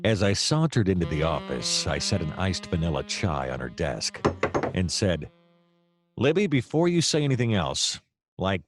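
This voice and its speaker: Speaking low, a man plays a wry, self-pitying private eye in a noir radio play, narrating and delivering lines with theatrical flourish. He sounds wry and pleased with himself.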